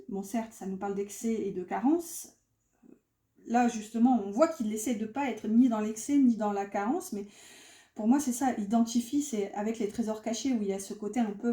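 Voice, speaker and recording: A woman's voice: a little high, mellow, reverberant. A woman giving a casual tarot reading, chatty and full of fillers and restarts. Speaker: tarot card reader.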